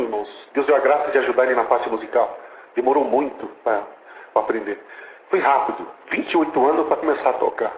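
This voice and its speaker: A man's voice: mid-range voice, echoey room, muffled recording, slight background noise. A Brazilian man preaching a testimony, telling the story with animation and acting out the dialogue. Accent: Brazilian Portuguese. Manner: animated storytelling, acts out dialogue, exclaims praise.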